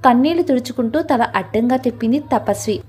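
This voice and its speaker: A woman reading a family story as scripted narration in a steady storytelling manner. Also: on the high side, fast.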